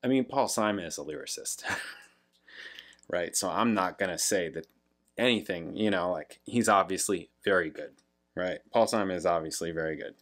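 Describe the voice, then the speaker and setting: A man's voice: low-pitched, normal speed, a bit bright. A young adult man hosting a music reaction, chatting casually with lots of fillers and reading lyrics aloud. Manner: rambling, many fillers, laughs, reads lyrics aloud.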